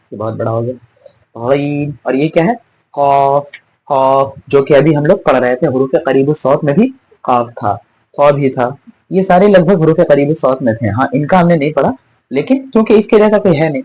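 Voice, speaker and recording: A man leads an online lesson in a somewhat high voice with a husky edge. He explains patiently, poses questions to the class and answers them himself, repeating each sound for practice. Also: darkish tone, poor audio. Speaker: Tajweed teacher.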